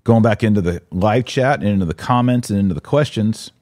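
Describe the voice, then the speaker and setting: Speaking a little fast in a lowish, darkish voice, an American man hosts a live-stream. This podcast host and religious commentator talks conversationally and opinionatedly, answering comments and posing rhetorical questions.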